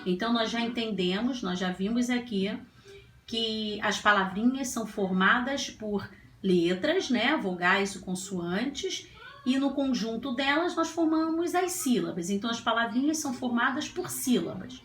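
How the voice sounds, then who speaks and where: Patient woman teacher, sing-song and high. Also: expressive, unhurried, a little hiss or hum. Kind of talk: children's classroom lesson. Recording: echoey room, faint ambience.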